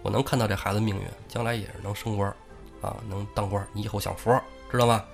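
A man's voice: lowish voice, level tone, fast talker, gravelly, faint music behind. A man playing an easygoing male ghost who works as a clerk in the underworld, talking in a breezy, offhand, joking way. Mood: reassuring.

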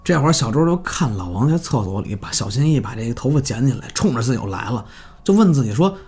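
A man telling a horror story in casual chat, animated and swearing freely. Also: fast talker. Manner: animated, jumps pitch for drama, swears casually.

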